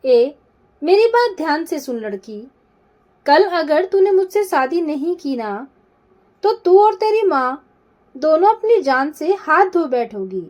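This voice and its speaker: A woman's voice: high-pitched, big pitch swings, slow pace, long pauses, a little mellow, highs cut off, heavily acted. A woman voicing a cocky, threatening male gangster who mocks and bullies. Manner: mocking, bullying threats.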